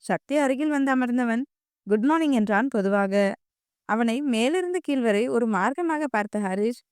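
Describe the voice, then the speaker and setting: A woman narrates an audio novel in a steady, even reading voice. Her tone is fairly high and very clear, and the recording is dry and close. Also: normal speed, dry recording. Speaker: storyteller.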